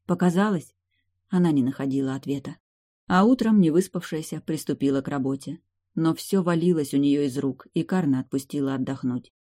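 An audiobook narrator reading a romance novel aloud in calm, even scripted storytelling. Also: medium pitch, dry recording, studio quality.

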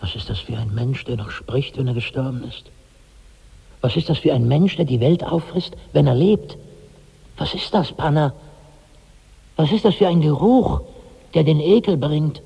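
A nervous guy asking questions, gravelly raspy dark voice, lively pitch, old radio play. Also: normal speed, pauses often, in a large hall, highs cut off, exaggerated voice. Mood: accusing. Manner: anxious, probing questions. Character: Amran, uneasy questioning man. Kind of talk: 1960s radio drama acting.

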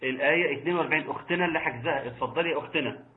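A man with an Egyptian accent teaching Quran recitation rules online, reciting slowly and patiently correcting his students. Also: a little high, narrow, tinny audio. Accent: Egyptian Arabic. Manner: slow drawn-out recitation of verse examples, patient corrections.

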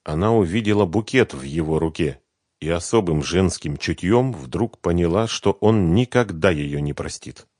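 A low-voiced man narrating an audiobook with a lively, expressive rise and fall. His reading is measured, and the sound is dry and close. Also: no room sound. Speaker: audiobook reader.

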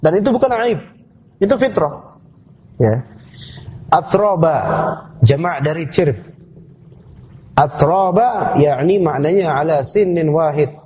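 A man's voice: on the high side, animated, slow, pauses often, darkish tone, slight background noise. A man teaching a classroom lesson on scripture, explaining terms step by step and asking the class questions. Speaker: Islamic teacher. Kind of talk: classroom tafsir lecture. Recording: dull lo-fi class recording.

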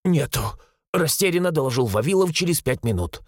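A man narrating a story in an expressive, suspenseful audiobook style. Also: fairly high pitch, normal speed, breathy edge, no room sound, clean studio sound.

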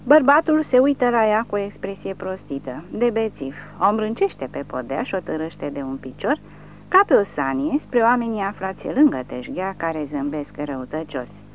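A woman narrating a war novel audiobook with steady, vivid storytelling. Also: medium pitch, a little hiss or hum. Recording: lo-fi audiobook recording.

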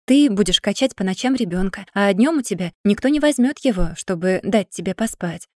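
A woman's voice: mid-range voice, animated, brisk, warm tone, dry recording, clean studio sound, lightly acted. A woman voicing a stern, patient older brother in an audiobook, talking firmly and lecturing. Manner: firm, lecturing.

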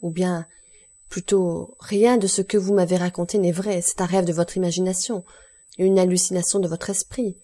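A cool aristocratic count from a classic audiobook, as a woman reader puts him on, measured, ironic and used to being obeyed. The voice is low-pitched and mellow, with an even, authoritative delivery. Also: natural voice.

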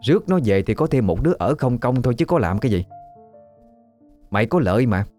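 A man's voice: sits low, expressive, moderate pace, dark tone, faint music behind. A man voicing a scheming, domineering older village woman in a spoken ghost story. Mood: scolding.

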